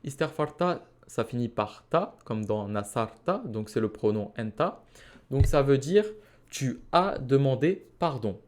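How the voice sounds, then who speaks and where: A man teaching a Quranic Arabic lesson, patiently explaining and reciting Arabic phrases slowly. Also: mid-range voice, animated, a little mellow.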